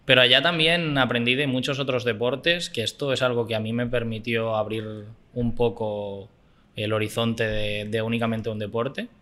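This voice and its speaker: A man in his twenties from Barcelona with a Spanish accent, talking about football coaching as a podcast guest in a relaxed, thoughtful way. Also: mid-range voice, normal speed. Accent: Spanish from Spain. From Barcelona, Spain. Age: 20s. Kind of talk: casual interview chat.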